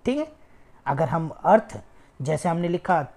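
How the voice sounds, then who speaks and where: A woman's voice: sits low, sing-song, measured pace, darkish tone. A woman teaching an online exam-prep lecture, explaining step by step and repeating key words for emphasis. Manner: frequent "ठीक है" checks.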